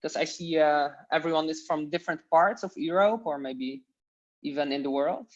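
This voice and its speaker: A woman with a low-pitched voice speaks at a moderate pace. Originally from Poland, she teaches a casual Dutch class online, giving instructions in a friendly but hesitant manner with fillers. Heard through a computer mic on a video call, the audio is dull and lo-fi.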